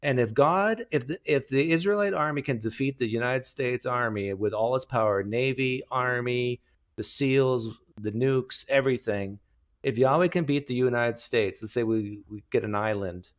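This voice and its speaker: Joking man hosting a hangout. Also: mid-range voice. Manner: joking, loose, drawn-out talker. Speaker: host of an open online hangout. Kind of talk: casual debate chat.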